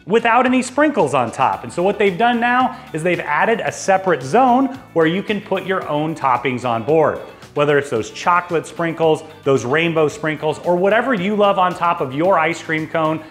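A man in his forties hosting a travel show speaks in a slightly high, fairly bright voice. He enthusiastically runs through a cruise for the camera in an upbeat sales tone, adding personal asides, recorded on a lapel mic indoors before a dark backdrop with faint background music.

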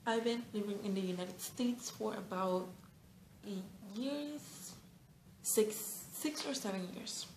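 An eighteen-year-old beauty vlogger, a native Spanish speaker with a Mexican accent, chats casually to camera in a small, bright indoor room, full of fillers, restarts and giggles. Her medium-pitched, darkish voice is lively in intonation but slow in pace. The room sounds echoey, with a little hiss or hum.

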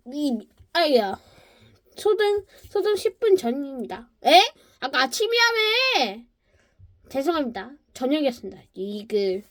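A woman voicing every character in a comic cartoon, switching between them and breaking into shouts and mock crying. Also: sits high.

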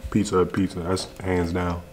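Low and monotone, a little mellow, the voice belongs to a young American man reviewing food casually to the camera as he eats in his home kitchen. He's a video host using loose slang at normal speed, and there's a slight hiss or hum.

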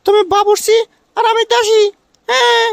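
A woman voicing a nagging, dismissive young village sweetheart in a comic cartoon, with a colloquial Bangladeshi regional accent and a creaky voice. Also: extremely high pitch, little pitch movement, normal speed. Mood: annoyed, scolding. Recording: music under the voice.

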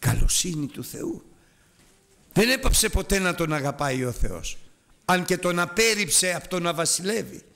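A man's voice: very animated, creaky, sharp tone. A man preaching a sermon, retelling scripture dramatically, his voice climbing and falling sharply as he addresses the congregation. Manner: dramatic retelling of scripture with big rises and drops in pitch; addresses the congregation directly and urges them.

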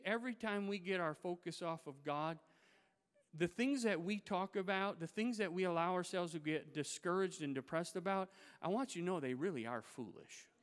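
A male pastor preaching in a church sanctuary, his voice raised above the usual male range, smooth and resonant. He tells the story conversationally and builds emphasis, and a long hall reverb hangs on every phrase. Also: high-pitched. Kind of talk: sermon.

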